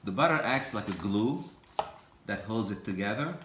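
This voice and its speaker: Low-voiced male home cook, halting and patient, in an echoey kitchen. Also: expressive, background noise. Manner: halting, patient step-by-step explaining with frequent restarts. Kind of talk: cooking demonstration.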